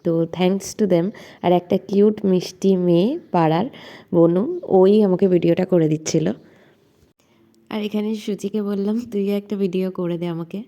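A woman's voice: on the low side, steady tone, measured pace, warm tone. A young woman narrating her vlog in a chatty voice-over, mixing in English words. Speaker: vlogger narrating her friend's wedding.

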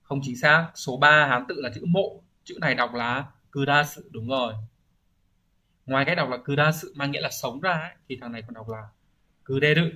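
A man's voice: mid-range voice, sharp tone, highs cut off. A man teaching an exam-prep vocabulary lesson, explaining each answer and often checking understanding with rhetorical questions. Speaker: Japanese language teacher.

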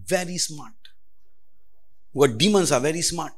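A man with a fairly high voice preaches to a church congregation. He is emphatic and repeats his phrases. He keeps calling for the listeners to answer him. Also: moderate pace. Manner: preaching with call-and-response to the congregation; emphatic, repeats phrases, lively rises and drops. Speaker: pastor. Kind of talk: sermon.

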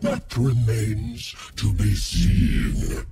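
A deep, gravelly shadow monster for a video game, ancient and menacing. He toys with his prey in mock courtesy, swinging theatrically through his phrases. Loud music plays behind him. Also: full character voice. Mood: brooding, sly. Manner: slow, menacing, theatrical, mockingly polite. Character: ancient menacing shadow creature that snatches children. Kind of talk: video game character acting.

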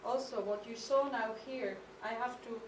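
A middle-aged woman speaking with a German accent reads from a podium in a slightly high voice with fairly even intonation; she is an artist presenting a prepared, partly poetic conference lecture. Her reading is measured and reflective, with some hesitations. The stage is in a mid-sized studio hall, with a podium mic on a stand, and the audio is echoey and noisy, heard from the camera's distance.

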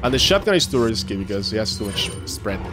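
His lowish voice is very animated and fast as this man in his thirties livestreams a horror game through a headset mic. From a home room, he jokes and laughs at himself while playing, over the game's music.

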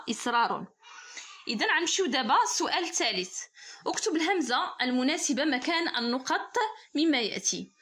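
Woman teacher, Moroccan Arabic accent, high voice, quick, patient step-by-step explaining. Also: a bit bright. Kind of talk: explaining a grammar test to pupils.

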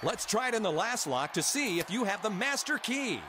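Animated, high-pitched game show host. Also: male voice, normal speed. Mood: upbeat. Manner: emphatic, exclaiming, instructing the contestant. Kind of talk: game show hosting, scripted. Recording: clear background game noise.

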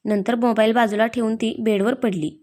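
A woman narrating a romantic story in a steady, even reading voice. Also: a little high, normal speed. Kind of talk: read-aloud story narration.

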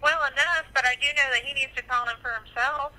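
A woman taking a call at her restaurant job, heard over a telephone line. Her voice is high and extremely bright, with a sharp edge. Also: steady tone, fast talker. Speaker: restaurant employee answering the phone. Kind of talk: customer phone conversation.

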